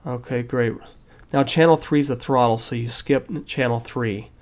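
A sick man casually walking through the settings on a radio transmitter at a cluttered workbench, relaxed and step by step. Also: medium pitch, normal speed, slight background noise. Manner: relaxed, with fillers and step-by-step instructions. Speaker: hobbyist demonstrating a radio transmitter. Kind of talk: casual tutorial walkthrough.

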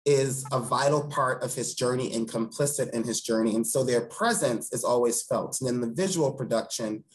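A man in his thirties, a theatre director, talks as an interview guest over a video call from a room in his home. At medium pitch and moderate pace, he's earnest and eloquent, leaning on emphatic repeated phrasing, and the audio is poor.

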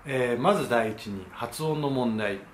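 A man's voice: mid-range voice, measured pace, a little hiss or hum. A man hosting his own channel, explaining in a polite, casual manner with many hesitation fillers. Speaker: channel host. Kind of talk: casual explainer talk to camera. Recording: echoey room with faint ambience.

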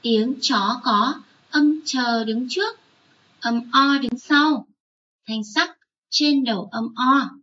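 A woman teaching young children, spelling out sounds slowly and drawing out each syllable. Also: high-pitched, sharp tone, recorded from a distance, highs cut off. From Vietnam. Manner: slow, drawn-out spelling aloud. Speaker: first-grade teacher.

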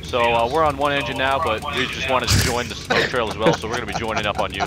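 A man's voice: medium pitch, steady tone, quick pace. A man in a multiplayer flight game, playing at pilot radio talk with fake cockpit lingo. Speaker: multiplayer flight sim player. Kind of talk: mock pilot radio chatter. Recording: noisy voice chat over game sounds.

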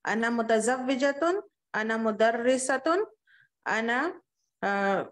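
Woman student from pakistan, bit high voice, stops and starts while reciting. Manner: halting, recites with pauses and fillers. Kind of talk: reciting a self-introduction in class.

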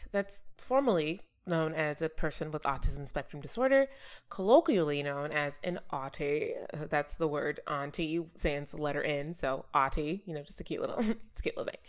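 Woman, vlog host, fairly low voice, playful, animated, jokey asides, casual commentary. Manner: big swings in pitch and loudness.

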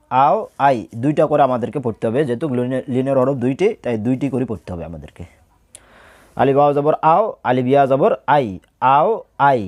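A man's voice: medium pitch, a little mellow, no echo, clean studio sound. A Bangladeshi Bengali-accented man teaching Quran reading, drilling syllables patiently and answering his own questions. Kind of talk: step-by-step recitation lesson.

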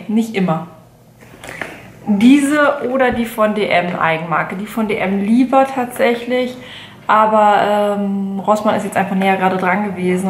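A woman's voice: medium pitch, reverberant, a little hiss or hum. A woman in her late twenties chatting casually in a haul vlog, rambling with many fillers and self-corrections. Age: 20s. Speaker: beauty vlogger. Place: bedroom at home, indoors.

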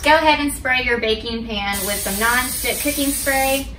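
A young woman giving a step-by-step cooking demonstration in her home kitchen, explaining each step clearly to the viewer. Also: high voice, moderate pace, far from the mic. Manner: clear, instructive, addresses viewer directly. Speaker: cooking instructor. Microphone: camera across the kitchen. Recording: echoey kitchen, voice from off-mic, household noise.

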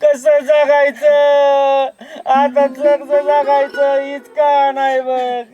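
A man playing a ruined farmer, lamenting slowly and heavily. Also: very high voice, level tone. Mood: despairing. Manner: slow, heavy, lamenting. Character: despairing ruined farmer, grieving and hopeless. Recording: dull sound with music behind. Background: music.

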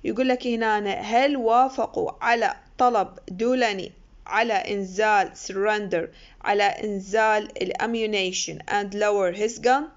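A woman lecturer, explaining an English text line by line in with many pauses and fillers. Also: medium pitch, steady tone. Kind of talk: recorded university lecture. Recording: muffled lo-fi recording.

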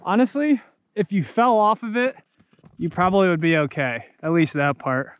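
A man in his thirties giving wry, relaxed running commentary while skiing and riding a chairlift outdoors. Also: high-pitched, normal speed, dry recording, muffled recording. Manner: wry, relaxed, thinking aloud. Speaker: ski vlogger. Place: outdoors on ski slopes and chairlift. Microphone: helmet or action camera mic, selfie framing on lift. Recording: loud wind and ski noise.

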